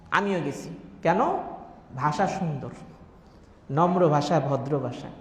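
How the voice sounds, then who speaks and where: Brief: male preacher, emphatic and repetitive, long reverb of a hall. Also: high voice. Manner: emphatic, repeats phrases, acts out quoted family members. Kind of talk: Friday sermon. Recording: echoey hall.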